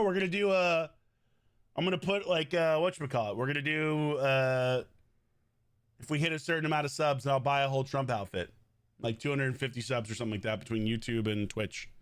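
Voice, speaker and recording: Male streamer, excitable and profane, high and bright voice, close dry mic, casual banter with chat. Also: no echo. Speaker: game streamer.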